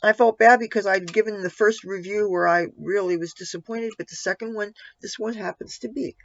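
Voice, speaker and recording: High-pitched, slightly gravelly man, casual makeup tutorial. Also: fairly even intonation, a little fast. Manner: step-by-step self-narration with candid asides. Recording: dull, lo-fi sound.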